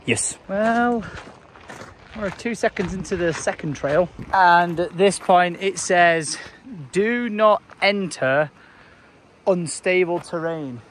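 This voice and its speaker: A man's voice: sits high, takes it slowly, slight background noise. A young British man chatting casually as a travel vlogger, with a jokey, exclamatory, slangy way of talking. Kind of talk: casual travel vlog chat.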